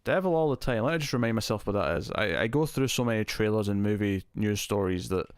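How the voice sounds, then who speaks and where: On a casual live stream, a fairly low-voiced man rambles easily, answering viewers and thinking aloud with fast, smooth, lively intonation. His close streaming mic and compressor keep the sound dry and his level constant.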